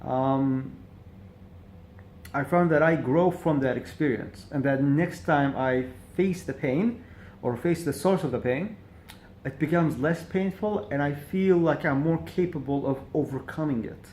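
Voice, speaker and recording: A male vlogger thinks aloud in a reflective monologue to camera, stuttering with repeated syllables and restarting often, hesitant and searching. His voice is fairly high, unhurried and darkish, with a little hiss or hum.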